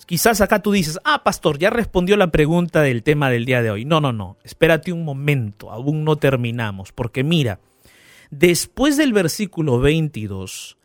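A male pastor giving a radio sermon, retelling a parable with animated storytelling and asking the listener questions. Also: fairly high pitch, dry recording.

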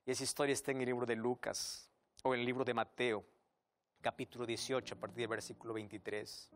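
An earnest male preacher giving a devotional sermon, telling stories and speaking directly to the listener. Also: medium pitch.

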